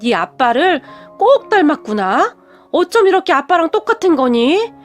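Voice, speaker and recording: Woman putting on a begging birth mother, high voice, drawn-out pleading, faint music behind. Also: big pitch swings. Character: pleading destitute middle-aged birth mother.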